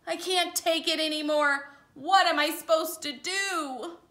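A woman's voice: very high voice, a little slow, pushed and bright, pitched above the performer's own voice, exaggerated voice. A woman voicing a possessive, easily exasperated pigeon from a children's picture book, with dramatic, indignant delivery. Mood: outraged.

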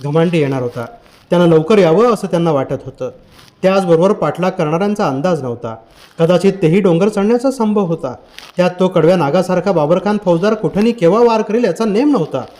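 A man reads a novel aloud in a measured, literary way. His voice sits high for a man, and he paces the descriptive passages steadily. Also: warm tone. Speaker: audiobook narrator. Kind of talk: scripted novel narration.

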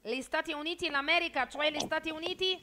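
A woman with an Egyptian Arabic accent runs an online university Italian lecture, her voice high and her delivery fast. She quizzes the students and repeats each word as she goes, heard over a video call. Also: pushed and bright, a little hiss or hum.

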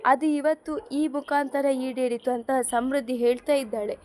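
A woman reading an audiobook story, voicing a chatty older woman of the house who explains things briskly. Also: high voice, steady tone, a little mellow, a little hiss or hum. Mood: amused.

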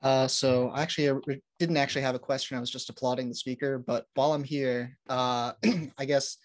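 A man on a video call speaks up in an offhand, hesitant way. His voice is mid-pitched, with keyboard typing behind him. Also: flat delivery, a little fast.

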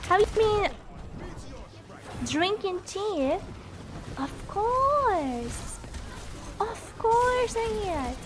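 A woman's voice: very high voice, a little hiss or hum. A woman streaming a game and chatting with viewers while sick with a cough. She giggles often, greets viewers and yelps during fights. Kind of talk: casual gaming stream chat.

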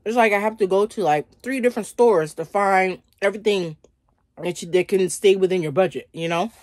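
Her mid-range voice is brisk and darkish as this thirtysomething vlogger eats and chats to her audience from a small bedroom, leaning on "like" as a verbal habit. It's a conversational mukbang, recorded clean with no echo.

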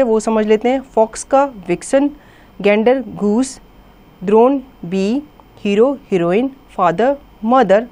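A woman's voice: a little high, darkish tone. A woman teacher with an Indian accent giving a grammar lesson to school children, reading word lists aloud and explaining in Hindi mixed with English.

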